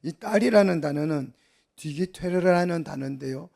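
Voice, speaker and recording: A man's voice: fairly high pitch, moderate pace, gravelly, darkish tone. A middle-aged man preaching an expository sermon as pastor, often asking the congregation questions and answering them himself.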